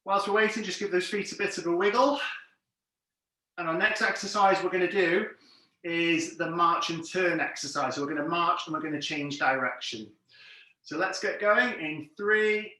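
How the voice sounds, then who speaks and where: A man's voice: high-pitched, bright, forceful tone. A man instructing an exercise class, giving encouraging, plain step-by-step cues and counts. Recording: very echoey room, distant mic.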